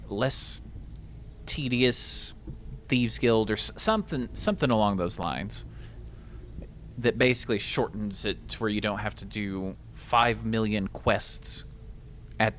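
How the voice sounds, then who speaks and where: A man's voice: lowish voice, measured pace, fairly bright tone, a little hiss or hum. A man giving let's play commentary with rambling, joking asides. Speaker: gamer.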